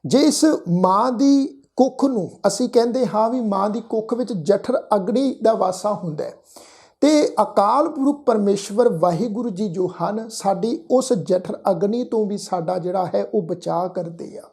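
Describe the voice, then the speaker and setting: A woman teaching Sikh scripture in a gentle devotional talk. She chants verses slowly and carefully and explains how to pronounce them correctly. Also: medium pitch. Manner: slow, drawn-out chanting of verses with careful diction. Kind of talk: gentle devotional exposition with recitation.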